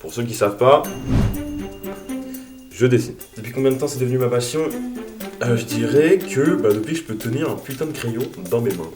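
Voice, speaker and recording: A man's voice: mid-range voice, brisk, pauses often. Twenties guy, crude jokey vlog host, mock-angry outbursts, mid voice, distant mic, echo, music bed. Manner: crude, self-mocking, bursts into mock-angry shouting. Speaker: YouTuber answering viewer questions. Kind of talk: casual Q&A vlog. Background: background music.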